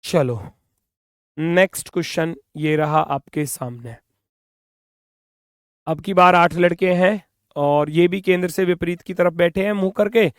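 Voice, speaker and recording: A man teaching reasoning in an online exam-prep class, brisk and coaxing, sometimes scolding students playfully, speaking English with an Indian accent. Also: high voice, clear, resonant tone, dry recording, clean studio sound.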